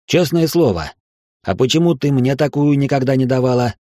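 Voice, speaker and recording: A woman voicing a playful, good-humored nobleman in an audiobook, speaking low and teasing. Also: lively intonation, moderate pace, mellow, no room sound, clean studio sound.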